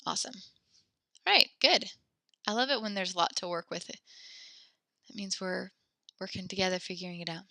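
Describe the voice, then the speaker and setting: A woman's voice: medium pitch, normal speed, gravelly, long pauses, bright, forceful tone, dry recording. A young woman teaching a French class online, patient and encouraging, slightly out of breath, speaking close to the mic. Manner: encouraging, patient, explains step by step. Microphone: headset or desk mic close up.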